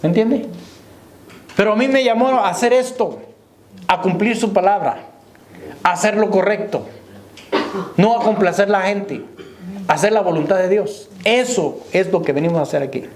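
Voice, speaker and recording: Preaching in church at normal speed, a pastor with a high-pitched voice pauses often. He addresses the brethren as "hermano" again and again and asks whether they understand: "¿me entiende?" The hall is echoey.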